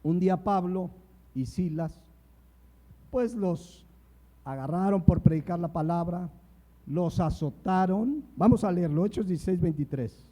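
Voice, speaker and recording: A man's voice: high voice, measured pace, dark tone. A man preaching a sermon, reading scripture aloud and retelling it with emphasis. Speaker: pastor.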